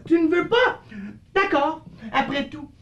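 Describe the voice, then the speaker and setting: Woman voicing a sly, high-pitched living shadow. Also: a little slow, a bit bright, lo-fi sound, slight background noise. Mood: teasing.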